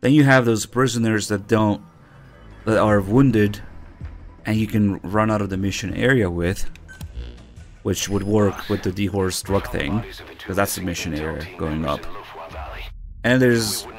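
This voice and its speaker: A man's voice: on the low side, unhurried, soft background music. A man giving casual, joking, sardonic commentary as he streams a video game.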